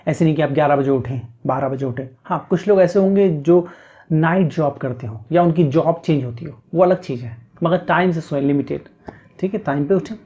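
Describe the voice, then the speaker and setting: A meditation teacher with a fairly high, dark-toned voice speaks briskly, leading the listener through meditation one step at a time. He is patient and repetitive, coaxing gently and often checking in with "theek hai." The recording has a dull, lo-fi sound.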